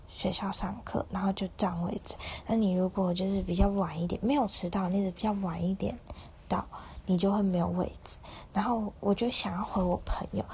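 A young woman in her twenties with a Taiwanese Mandarin accent, telling a rambling personal story in a casual, often breathy near-whisper. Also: medium pitch, a little mellow, a little hiss or hum. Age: 20s. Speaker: university student podcaster.

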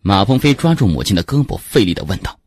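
A man narrating a dramatic story in scripted, expressive storytelling. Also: fairly low pitch, fast, husky, no echo, studio quality.

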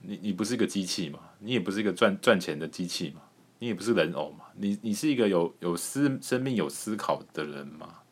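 Taiwanese male podcast host, low voice, swings widely in pitch, crude jokey chat, keeps laughing and restarting. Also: expressive, fast talker, husky. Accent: Taiwanese Mandarin. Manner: joking and crude, laughing often, stumbling restarts.

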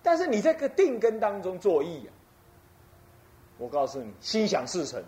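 A man's voice: high-pitched, wildly swooping pitch, normal speed, mellow. A man from Taiwan, an abbot giving a folksy Buddhist sermon and demonstrating chanting.

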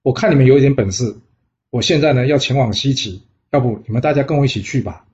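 A man's voice: mid-range voice, quick pace, darkish tone, close to an everyday voice. A man voicing a naive, earnest young prince who has become a Taoist disciple, in a storybook tale, on a dull lo-fi recording. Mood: proud.

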